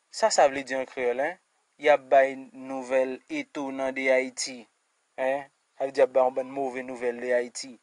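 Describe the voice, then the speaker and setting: A man with a Haitian accent teaching an English lesson, slowly repeating words and checking in with "d'accord?" and "hein". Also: a little high, dry recording. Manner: slow, repeated word-by-word pronunciation drills.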